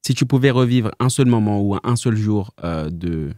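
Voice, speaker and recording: A man's voice: fairly low pitch, lively intonation, moderate pace, a little mellow, no room sound, clean studio sound. A man interviewing a guest casually on a podcast, putting short questions.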